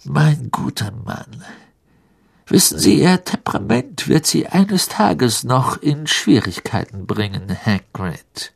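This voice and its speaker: A man's voice: mid-range voice, animated, slow pace, vocal fry, voice pushed up, heavily acted. A man voicing a cold, scornful aristocrat who mocks with drawling politeness in an audiobook reading. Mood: sneering.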